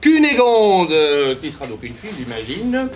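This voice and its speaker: A man's voice: fairly high pitch, moderate pace. A man hosting an improv show on stage, joking with the audience as he gathers their suggestions. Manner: playful, animated, jokes with the crowd. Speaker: improv performer. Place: theater stage.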